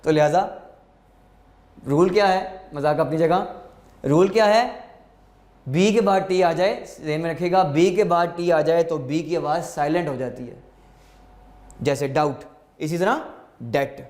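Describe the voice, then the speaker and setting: A man teaching English vocabulary, slowly dictating words and meanings and repeating them for students. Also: a little high, darkish tone, echoey room. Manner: slow, deliberate, repeats words for students to note down.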